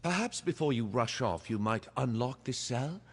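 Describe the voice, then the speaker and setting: An actor playing a suave, haughty male vampire in a video game, speaking in a measured, formal and disdainful way. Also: mid-range voice, lively intonation, breathy edge, big-room sound. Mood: persuasive.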